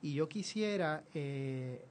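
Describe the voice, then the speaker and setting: A man's voice: fairly high pitch, expressive, takes it slowly, a little hiss or hum. A man with a Puerto Rican Caribbean Spanish accent hosts a conversational radio interview, reflective and hesitant in his phrasing. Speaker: radio show host interviewer.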